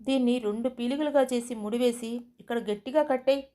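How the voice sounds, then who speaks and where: A woman voicing a brave, calm young man in a storybook reading, giving firm commands and then reassurance in her own fairly high voice. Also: brisk, natural voice. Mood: reassuring.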